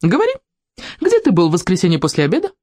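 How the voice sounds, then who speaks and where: A reader voicing a fat, angry, bossy shop saleswoman who scolds in a high, shrill voice in an audiobook. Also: huge pitch swings, fast talker, darkish tone, no room sound, clean studio sound. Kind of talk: audiobook character voice.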